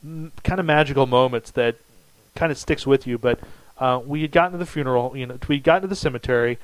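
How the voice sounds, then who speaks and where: A man's voice: mid-range voice, quick pace, clear, resonant tone, no room sound, rough recording. A middle-aged man, co-hosting a casual chat and telling a long rambling story with many restarts. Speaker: podcast co-host.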